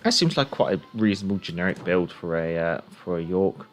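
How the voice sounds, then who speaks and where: A man's voice: sits low, lively intonation, brisk, faint music behind. A man streaming a game, chatting casually and thinking aloud as he gives live commentary.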